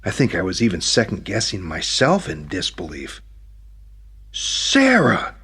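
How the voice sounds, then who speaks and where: A man narrating a novel in the first person, in a plain, steady storytelling manner. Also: deep voice, moderate pace, husky. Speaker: audiobook narrator.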